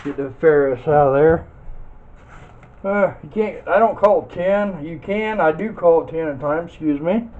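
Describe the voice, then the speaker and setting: His voice is a little high and his pace normal as he hosts a video taking apart scrap metal. He keeps it casual and folksy, narrating his thinking while he works. A faint layer of noise and clicks sits in the dull, lo-fi audio.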